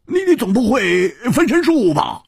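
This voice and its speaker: A man voicing a boisterous hard-drinking swordsman in a storytelling performance, stammering and excitable. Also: mid-range voice, normal speed, breathy edge, no echo, studio quality, voice pushed up, heavily acted. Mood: excited.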